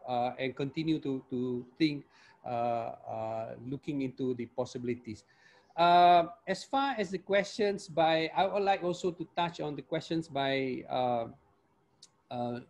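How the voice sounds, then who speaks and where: Older man on a video call. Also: a little high. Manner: hesitant, many fillers and tag questions. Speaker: panelist. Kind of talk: academic panel discussion. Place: home room with virtual background. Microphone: earphone mic on video call.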